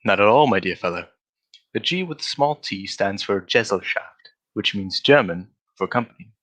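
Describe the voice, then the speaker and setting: A man with a rather low, expressive voice portrays a crisp, confident gentleman detective in a radio play styled after the 1940s. He talks with precision and a mildly patronizing, lecturing tone.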